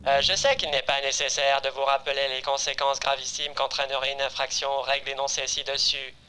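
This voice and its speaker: A man's voice: mid-range voice, level tone, brisk, bright, forceful tone, a little hiss or hum, rough recording. A man putting on a robot voice to read the messages of a cold, formal corporate AI overseer while playing a game. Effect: robot voice, put on by mouth without any filter. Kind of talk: reading in-game text aloud while streaming.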